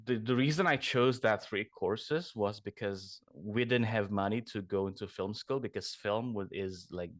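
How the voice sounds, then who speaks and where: A young Indonesian man, a guest artist, chats casually in an interview, rambling, correcting himself, and laughing often. His voice is on the low side, recorded at studio quality with no echo.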